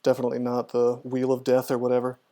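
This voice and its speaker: A man fires off casual commentary on his video game stream, narrating his moves and answering chat in a fast, completely flat delivery. His voice is mid-range and mellow.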